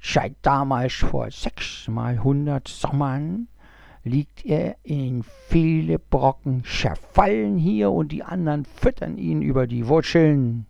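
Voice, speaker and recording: Storybook snake, high, lisping and hissing, slow and sly, read by a man. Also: creaky, a little mellow, no room sound, dull audio, exaggerated voice. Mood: knowing. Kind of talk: storybook reading.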